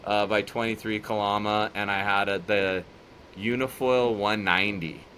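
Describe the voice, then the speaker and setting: Male guest, bright and lively, laughs through his stories, faint noise. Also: fairly low pitch, normal speed. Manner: animated, laughs while telling stories. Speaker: podcast guest. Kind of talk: casual storytelling chat.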